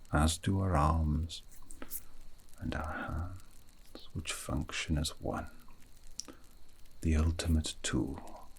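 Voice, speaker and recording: A man uses an exaggerated voice as a gentle, wistful fantasy mage in ASMR roleplay. Speaking in a low, breathy whisper, he formally and poetically soothes a tired friend toward sleep.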